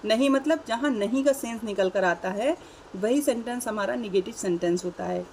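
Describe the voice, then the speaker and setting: Woman, grammar teacher, slow read-out examples, slightly high pitch, faint background hiss. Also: a little mellow, poor audio. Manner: reads English examples slowly, then explains. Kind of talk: explaining English grammar in Hindi.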